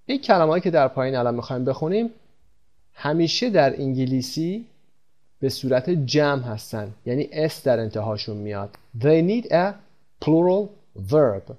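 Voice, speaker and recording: A man with a Persian accent teaching English clothing words, reading each one out slowly and explaining it in Persian. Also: mid-range voice, animated, a little mellow, dull audio. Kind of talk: vocabulary lesson.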